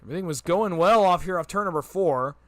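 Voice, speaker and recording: A man calling a race as the play-by-play announcer, rattling off positions quickly and building excitement on big moments. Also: high-pitched, no echo. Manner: rapid-fire, auctioneer-like calling when the pack is close. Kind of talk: sim racing play-by-play commentary.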